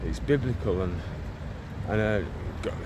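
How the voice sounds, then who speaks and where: In this walk-and-talk prayer and preaching vlog, an English man in his forties uses a lowish, animated voice at a slightly slow pace. He walks down a residential street holding his phone at arm's length, preaching fervently, rambling and restarting often amid traffic noise.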